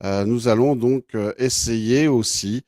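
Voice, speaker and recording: A man hosting an interview, introducing his guest slowly with many hesitations. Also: medium pitch, a little mellow, no echo, clean studio sound. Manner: hesitant, many fillers and restarts. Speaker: interview host.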